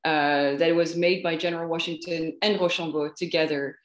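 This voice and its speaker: A woman historian giving a measured academic lecture over a group video call. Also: sits low, steady tone, echoey room. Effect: voice heard through a group video call. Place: at home in France.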